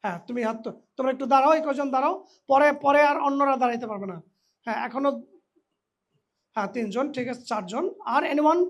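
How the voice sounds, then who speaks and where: A man teaching English pronunciation to new college students in a hall, lively and teasing, slipping English phrases into his talk. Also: extremely high pitch, fast. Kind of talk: lively classroom lecture with a live audience.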